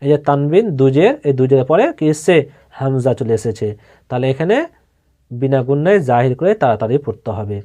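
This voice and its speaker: A man with a Bangladeshi Bengali accent teaching Quran reading, spelling out letters and words slowly, then explaining the rules more quickly. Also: medium pitch, lively intonation, mellow. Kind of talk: slow spelled-out recitation lesson.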